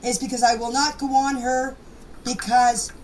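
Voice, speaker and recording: A woman with a high-sitting, somewhat dark voice speaks at a moderate pace with a flat delivery. She gives an unscripted personal statement over voice messages, plainspoken and emphatic, repeating phrases to stress them. The recording is noisy, and she sounds distant from the mic.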